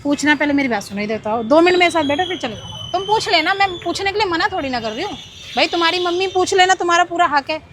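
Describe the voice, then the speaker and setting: A woman's voice: very high voice, animated, quick pace, a bit bright, slight background noise. A woman outdoors in casual talk, coaxing and talking over the others. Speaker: girlfriend pulling a prank. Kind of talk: casual conversation. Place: outdoors on muddy ground. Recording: background music over the talk.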